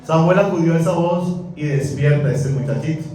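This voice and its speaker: A man preaching a sermon, animated and asking the congregation questions, heard from a distance in a church hall. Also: on the high side, brisk, a little hiss or hum. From Colombia. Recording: echoey church, mic far off.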